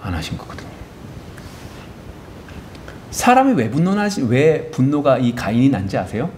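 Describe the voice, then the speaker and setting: Lively, expressive male pastor preaching. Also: medium pitch, normal speed, slight background noise. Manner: animated, asks the congregation rhetorical questions; acts out biblical characters in quoted voices. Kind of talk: sermon. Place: church sanctuary.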